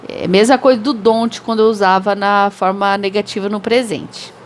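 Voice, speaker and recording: A woman English teacher whose first language is Portuguese, giving a recorded grammar lesson and explaining slowly with repeated examples. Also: mid-range voice, fairly even intonation, a little hiss or hum.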